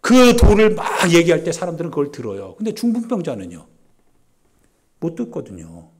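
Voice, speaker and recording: A man pastor giving a Sunday sermon in a church service, talking conversationally and swinging from loud pleading to hushed asides. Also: a little high, wildly swooping pitch, moderate pace.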